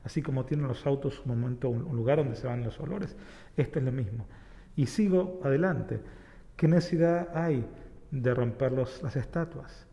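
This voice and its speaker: A man from Argentina with an Argentine accent, a rabbi guest calmly explaining ideas with everyday examples and parables. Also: medium pitch, moderate pace, long reverb tail. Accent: Argentine Spanish. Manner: reflective, uses homely examples and parables. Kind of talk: explanatory talk-show conversation.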